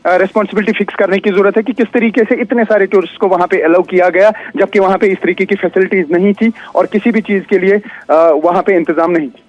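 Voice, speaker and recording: Guy reporting in by phone, highish voice, muffled lo-fi line, lots of uhs. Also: fairly even intonation. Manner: measured, explanatory, frequent "uh" fillers.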